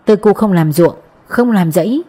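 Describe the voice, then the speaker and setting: A woman narrating a novel as an audiobook in a steady storytelling manner. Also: medium pitch, normal speed, husky. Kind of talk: scripted narration.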